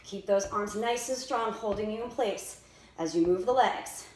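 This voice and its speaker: Recorded in an echoey indoor space with faint noise by a staircase, a woman fitness instructor directs a workout step by step, cueing each exercise. She has a mid-range voice and speaks at a normal speed.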